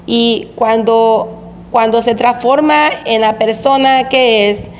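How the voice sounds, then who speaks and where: A woman preacher telling of a vision she had, in a slow, repetitive storytelling manner. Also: on the high side, steady tone. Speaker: preacher recounting a revelation. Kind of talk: religious testimony of a vision. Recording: echoey hall with faint background noise.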